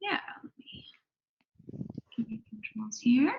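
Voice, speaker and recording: A woman's voice: fairly high pitch, sing-song, slow pace, vocal fry, highs cut off. A woman moderating a webinar, reading out viewer questions in an upbeat way.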